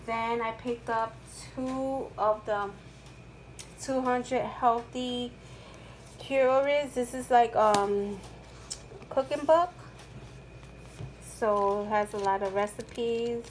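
Slow, chatty woman with rain behind. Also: a little high, poor audio. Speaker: haul vlogger. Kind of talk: casual haul narration. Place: indoors at home, rain outside. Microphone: camera mic, off-screen, hands in frame. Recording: rain noise in background.

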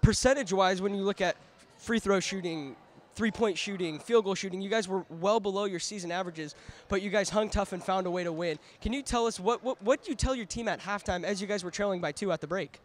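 A male sports broadcaster hosting a postgame interview, his voice worn hoarse from calling the game, with an upbeat announcer delivery. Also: sits high, brisk, slight background noise.

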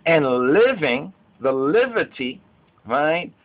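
A man's voice: a little high, big pitch swings, slow, narrow, tinny audio. A man teaching scripture in Rastafari speech, repeating phrases emphatically and checking in with his listeners as he goes. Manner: emphatic repetition, checking in with "right?". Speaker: religious teacher.

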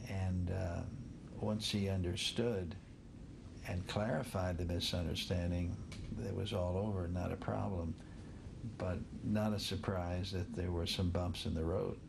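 A man gives slow, deliberate reflections in an interview. His voice is very deep and gravelly, and a low rumble runs behind it. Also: fairly even intonation. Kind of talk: casual interview.

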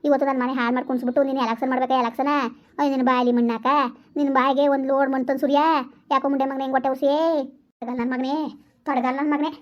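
A woman playing a loud, lamenting village mother, wailing and cursing in a rapid, high rush. The dull, lo-fi recording softens her edges. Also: flat delivery, lightly acted. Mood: scolding. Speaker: comedy skit actor. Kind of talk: village comedy skit.

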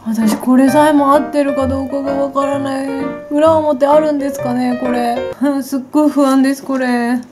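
A woman's voice: high-pitched, flat delivery, moderate pace, few pauses. A woman in her forties chatting casually in a beauty vlog, polite and flustered, laughing at herself often. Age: 40s. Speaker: beauty vlogger. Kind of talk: casual unboxing vlog chat. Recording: background music clearly audible.

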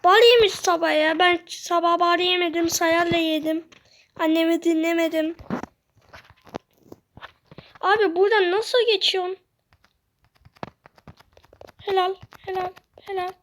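Young gamer kid, very high voice, slow unhurried delivery, excitable self-talk over gameplay. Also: slight background noise. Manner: excitable, talks to self while playing. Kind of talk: gameplay commentary.

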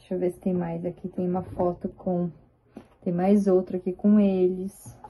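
A woman vlogger chatting excitedly as she shows her photo album, with drawn-out exclamations. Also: fairly low pitch, a little hiss or hum. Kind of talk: casual chat showing a photo album. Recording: tinny, phone-like sound.

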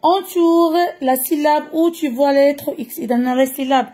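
Woman, Moroccan accent, Arabic native, children's phonics teacher, high voice, slow and repetitive. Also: mellow. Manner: slow, repeats each word carefully. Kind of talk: French phonics lesson for children.

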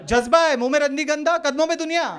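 Animated young stand-up comic, Mumbai Hindi. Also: male voice, heavy background noise. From India. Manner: animated, quick voices for street characters, swings in pitch. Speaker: stand-up comedian. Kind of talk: stand-up comedy set. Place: comedy club stage with live audience. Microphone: handheld stage mic. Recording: live club recording with audience laughter.

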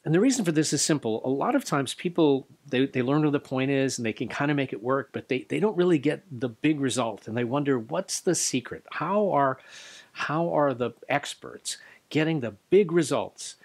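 A man's voice: medium pitch, lively intonation, normal speed, darkish tone. Earnest older man teaching to camera. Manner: earnest, personal, with small restarts. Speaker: martial arts instructor and host. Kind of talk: direct-to-camera instruction. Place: dojo studio indoors. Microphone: studio condenser mic beside him.

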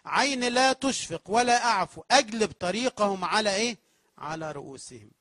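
A man's voice: high-pitched, expressive, a little fast, a bit bright, no room sound, studio quality. A man with an Egyptian accent preaching a sermon as pastor in a church, asking the congregation questions and answering them himself. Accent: Egyptian Arabic.

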